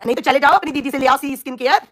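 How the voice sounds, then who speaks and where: Racing along in a high-pitched voice, this woman tears into a rival on her live stream, heatedly scolding and insulting them as she rants at viewers. Her throat is scratchy and she keeps coughing.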